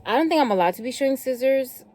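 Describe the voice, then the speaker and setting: A woman from South Africa telling a story casually to camera, animated, acting out the dialogue and swearing offhand. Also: high-pitched, quick pace, dry recording. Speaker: vlogger.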